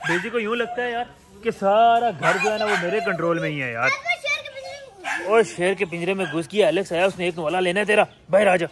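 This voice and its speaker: Guy vlogging his pets, chatty and teasing, voice a bit high, loud birds chirping all around. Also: fairly quick, noisy background. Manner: chatty and playful, scolding and coaxing his animals. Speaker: pet and bird vlogger. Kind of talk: casual vlog narration talking to pets. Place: home yard with pet cages. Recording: outdoor recording with loud birdsong.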